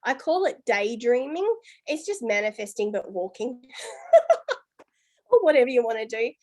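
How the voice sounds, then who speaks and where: A woman's voice: fairly high pitch, sing-song, a little slow, darkish tone. A woman leading her business team, giving a chatty, upbeat motivational talk full of "you know" and "guys". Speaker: business team leader and coach.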